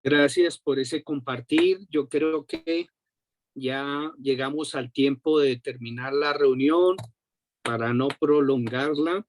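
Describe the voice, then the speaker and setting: A man wrapping up a group meeting with slow, encouraging, slightly hesitant remarks. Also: mid-range voice, slight background noise. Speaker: meeting facilitator.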